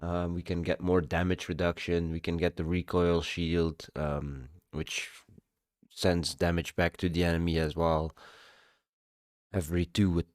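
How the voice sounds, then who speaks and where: A man streaming a casual update on his game progress, halting with many ums, and he has the hiccups. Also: low voice, flat delivery, darkish tone, no room sound, clean studio sound.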